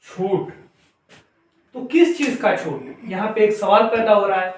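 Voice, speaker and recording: High-voiced man teaching English, very echoey room. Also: animated, distant mic, a little hiss or hum. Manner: spells words out letter by letter, then explains slowly. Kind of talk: whiteboard grammar lesson.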